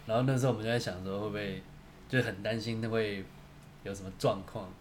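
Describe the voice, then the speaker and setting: A young adult man, co-hosting a casual chat and speaking in a measured way with many fillers. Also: lowish voice, steady tone. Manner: measured, hesitant, frequent fillers. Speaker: co-host. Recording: faint background hiss.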